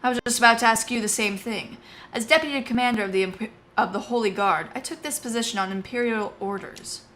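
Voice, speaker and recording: Casting: woman playing a stern, formal female officer with a bright, firm voice. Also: on the high side, fairly quick, a little hiss or hum, close to an everyday voice.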